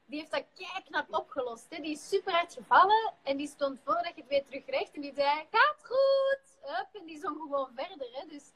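A woman's voice: sits high, a little fast, few pauses, fairly bright tone, rough recording. A young woman with a Flemish accent chatting on a live stream, giggly and talkative. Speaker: pop group member hosting a live stream. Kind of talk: casual chat. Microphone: phone on a live stream.

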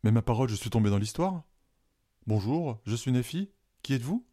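A man's voice: medium pitch, lively intonation, brisk, dark tone, lightly acted. Man reading as a blunt curious girl. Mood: amazed. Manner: blunt, questioning.

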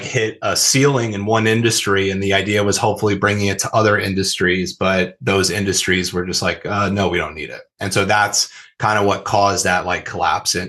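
A man's voice: on the low side, a bit bright. A man talking casually as a podcast guest, rambling with many fillers and restarts. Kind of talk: casual interview talk.

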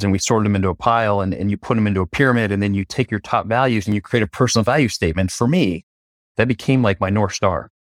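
A middle-aged man from Atlanta, a coach giving an interview, who tells stories in an animated way and acts out the quoted dialogue. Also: lowish voice, no echo, studio quality. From Atlanta, USA. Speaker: coach and facilitator, interview guest. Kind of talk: conversational interview storytelling.

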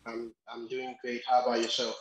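Give me a young man calling in over a low-quality stream line, hesitant. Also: completely flat delivery, a little fast. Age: 20s. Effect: choppy low-quality stream call audio. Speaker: caller. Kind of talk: call-in to a live stream.

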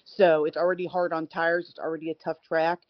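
A woman's voice: deep voice, level tone, a little fast, dry recording. A woman joining a sports show as a guest reporter, chatting casually, stammering and laughing at herself. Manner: self-deprecating, stammering, laughing. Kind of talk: casual call-in chat. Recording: dull lo-fi line.

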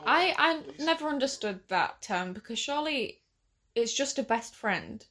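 A woman's voice: on the high side, lively intonation, moderate pace, a bit bright. Young woman with a Hull accent. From Hull, England. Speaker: youth discussion panellist. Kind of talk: casual chat.

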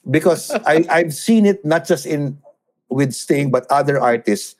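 Animated man telling backstage stories. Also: on the high side, takes it slowly. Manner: animated storytelling, switching between Tagalog and English. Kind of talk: casual chat.

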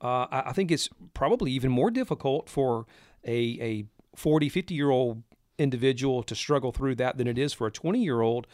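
A man in ministry, talking earnestly and reflectively in a casual conversation, telling his own story of a calling with lively retellings. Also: mid-range voice, a little fast, no room sound, clean studio sound. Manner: earnest storytelling, animated when recalling. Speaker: podcast co-host, minister.

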